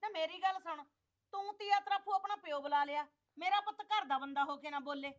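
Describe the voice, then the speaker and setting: A woman's voice: extremely high pitch, a little fast. An actress playing an indignant middle-aged mother-in-law who scolds and complains.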